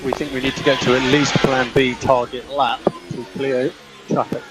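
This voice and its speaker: A man speaks as a racing engineer over team radio, his messages short and clipped, often said twice. His mid-pitched voice sits in clear car noise, with engine roar behind it. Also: level tone, normal speed. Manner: terse, repeats instructions. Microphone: radio headset.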